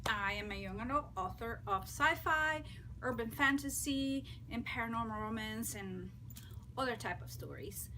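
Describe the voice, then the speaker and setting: A woman in her thirties from Honduras, a native Spanish speaker with a Honduran Spanish accent, talking to camera as an author in a friendly, unhurried way with many ums and uhs. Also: fairly high pitch, sharp tone, a little hiss or hum, poor audio. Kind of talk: casual talk to camera.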